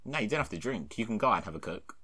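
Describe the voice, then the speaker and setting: A young man with a London roadman accent, chatting casually with a friend in slangy, sweary, animated banter. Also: fairly low pitch, very fast, breathy edge. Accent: London, roadman slang style. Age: young adult.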